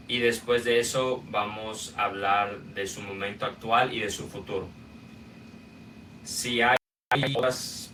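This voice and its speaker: A young Guatemalan man tells his own story as a podcast host, loose and unhurried, dropping in small filler sounds. His voice sits fairly low but has a bright, forward edge, and his pitch barely moves. He sounds a little away from the mic, with a faint hum of room noise behind him. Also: recorded from a distance. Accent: Guatemalan Spanish. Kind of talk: personal storytelling monologue.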